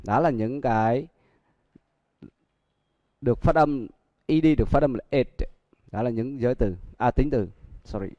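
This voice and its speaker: Slow, repetitive Vietnamese male teacher. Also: medium pitch, dark tone, no echo, muffled recording. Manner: slow, repeats each example word several times. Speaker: English teacher. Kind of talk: livestream pronunciation lesson.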